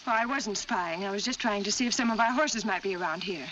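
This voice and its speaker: An American actress playing a spirited, defiant frontier woman in a 1940s western, brisk and quick-witted. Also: medium pitch, fairly bright tone, close to an everyday voice. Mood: defensive. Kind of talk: 1940s western film acting. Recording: dull old film soundtrack, faint noise.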